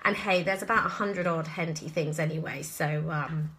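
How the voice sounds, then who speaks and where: This British woman, an actress and voice actor, answers viewer questions from indoors at home in a relaxed live Q&A, rambling and self-deprecating throughout. Her voice sits low and is fairly bright, at normal speed, with a little hiss or hum in the recording.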